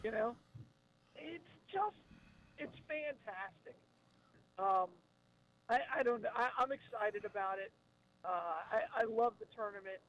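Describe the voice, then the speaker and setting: A man's voice: very high-pitched, unhurried, pauses often, fairly bright tone. A man talking sports on a buzzy, glitchy phone call that breaks up, stammering and repeating words as he starts. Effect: buzzy, glitchy phone call audio that breaks up. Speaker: sports radio co-host on a call. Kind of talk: casual sports talk. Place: outdoors or in a car in pouring rain. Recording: dull phone line.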